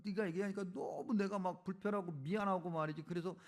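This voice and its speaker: A man's voice: sits high, fairly even intonation, fast. A man voicing God in a casual, placating way. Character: God as a patient, mildly exasperated male speaker.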